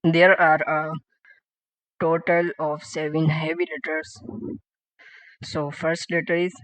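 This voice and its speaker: Slow, flat-voiced male Quran teacher. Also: a little high, dry recording. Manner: repeats each letter sound several times, louder than his explanations; plain, simple explanations in short phrases. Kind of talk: pronunciation lesson for beginners. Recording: dull lo-fi recording with faint background music.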